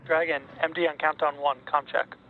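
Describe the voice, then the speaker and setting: A man's voice: on the high side, level tone, a little fast. A man making clipped, formal radio comm checks as a mission director, speaking over a pilot-style headset. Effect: radio headset comms. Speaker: mission director on launch comms. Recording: narrow phone-like radio channel with noise.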